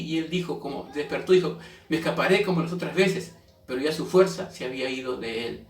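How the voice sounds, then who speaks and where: Pastor preaching in an echoey room. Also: male voice, medium pitch. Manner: storytelling, emphatic. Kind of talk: sermon. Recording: echoey room, mic far off.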